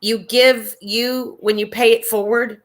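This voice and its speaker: Woman, co-host, casual chat, affirming, teasing, bright voice. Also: on the high side, fairly even intonation, measured pace.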